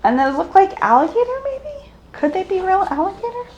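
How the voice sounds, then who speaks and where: A woman's voice: extremely high pitch, sing-song, a little fast, a little mellow, highs cut off, a little hiss or hum. A woman hosting a casual chat as a thrift reseller, talking through items and their sizes and laughing easily. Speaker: thrift reseller and channel host.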